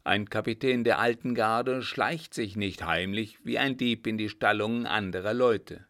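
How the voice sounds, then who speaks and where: A man voicing a sly, unhurried coachman who talks in a stubborn, mocking drawl. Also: fairly low pitch, fairly bright tone. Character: sly, unhurried old coachman, proud dog owner.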